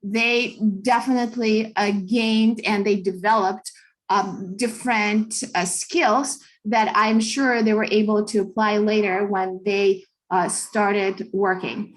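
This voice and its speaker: A woman's voice: mid-range voice, fairly even intonation, slow. A woman from Russia, a native Russian speaker, giving an upbeat, chatty online talk as a study abroad advisor over a video call. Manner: upbeat, chatty, many fillers. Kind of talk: online information session.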